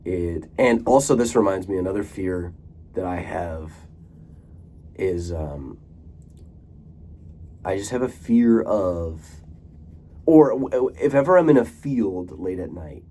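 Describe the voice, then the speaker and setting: A man's voice: sits low, animated, slow, pauses often, warm tone. A young man talking casually to camera in a rambling monologue, full of fillers, restarts and casual swearing. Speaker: vlogger.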